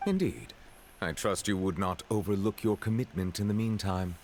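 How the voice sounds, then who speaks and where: A man's voice: fairly low pitch, fairly even intonation, normal speed, darkish tone, a little hiss or hum, lightly acted. A man voicing a reserved, formal chief judge in a video game who speaks in a stately, carefully worded way. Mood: grave.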